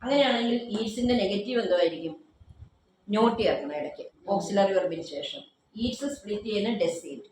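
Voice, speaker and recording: A woman's voice: medium pitch, expressive, brisk. Woman, grammar teacher, firm quizzing, repeats answers, classroom, heavy room echo. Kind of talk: classroom drilling with questions. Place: classroom with students. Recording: very echoey room, faint background noise.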